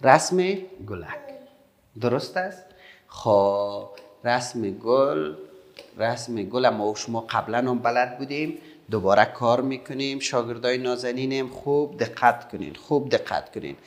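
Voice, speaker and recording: A middle-aged man with an Afghan Dari accent, teaching young children patiently, repeating slowly and praising often. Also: mid-range voice, lively intonation. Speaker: primary school teacher.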